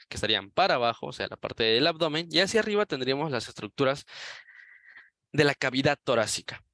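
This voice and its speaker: A man's voice: mid-range voice, fairly bright tone, dry recording. A man teaching an anatomy class, explaining step by step while pointing at images. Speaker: anatomy lecturer. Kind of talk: recorded anatomy lecture.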